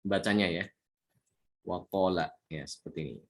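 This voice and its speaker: A man teaching a tajwid lesson, explaining patiently, repeating points and slowly chanting Arabic examples. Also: low-pitched. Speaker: Quran recitation teacher.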